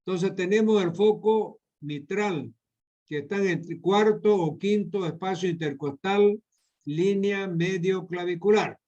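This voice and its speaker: A man's voice: high-pitched, unhurried, darkish tone. A middle-aged man giving a medical lecture over slides, repeating key points and addressing his students directly. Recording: dull lo-fi lecture recording.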